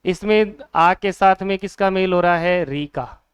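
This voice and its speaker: A man's voice: sits high, unhurried, smooth, dry recording, studio quality. A man teaching a Hindi grammar lesson for exam students, asking questions and answering them himself, repeating each key word.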